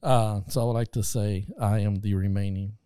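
A man co-hosting a sports podcast, chatting casually, laughing often and trailing off quietly. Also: fairly low pitch, fairly even intonation, moderate pace, clear, resonant tone, no room sound. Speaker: podcast co-host. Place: studio room on camera.

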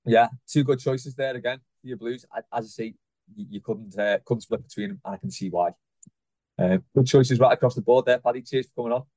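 A man's voice: medium pitch, fairly quick, darkish tone, no echo. A man hosting a podcast, chatting in an easygoing way with short agreeing replies. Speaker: podcast host. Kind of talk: casual chat.

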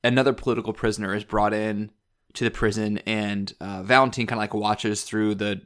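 A man's voice: on the low side, little pitch movement, brisk, fairly bright tone, clear, resonant tone. A man co-hosting a film podcast, recapping scenes in a chatty, loose way with a few hedging fillers. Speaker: podcast co-host. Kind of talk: casual film discussion.

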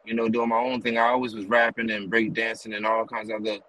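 Riding in a car for a laid-back interview, this male guest from the US East Coast, a rapper and promoter, spins long, wandering stories full of fillers and "you know what I mean." His voice sits lowish and stays completely flat, quick, bright and forceful. The recording is rough.

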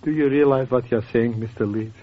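A man playing an excitable, penniless old violin composer with a theatrical, melodramatic manner, in 1940s radio comedy style, on a dull old recording. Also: mid-range voice, a little fast, natural voice. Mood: overjoyed.

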